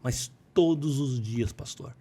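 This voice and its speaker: A man's voice: medium pitch, takes it slowly, warm tone, slightly rough. A middle-aged man, a pastor giving an earnest testimony in a podcast interview, acting out the dialogue as he tells it. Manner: earnest storytelling, acts out dialogue.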